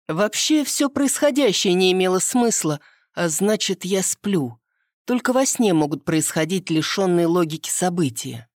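A woman narrating an audiobook in the first person with an expressive storytelling delivery. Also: on the low side, a little slow, no echo, studio quality.

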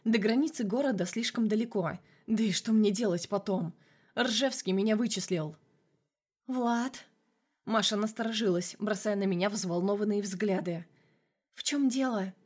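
A woman narrating an audiobook in a steady, even storytelling voice, carrying a male first-person hero. Her delivery stays clear and measured from line to line. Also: medium pitch. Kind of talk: scripted narration.

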